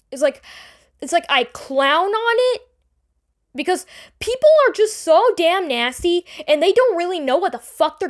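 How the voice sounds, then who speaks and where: A woman giving an unscripted, defensive personal explanation to an online audience, rambling and halting with repeated words and casual swearing. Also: sits high. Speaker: online creator addressing the audience. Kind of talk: unscripted personal apology and self-defence video.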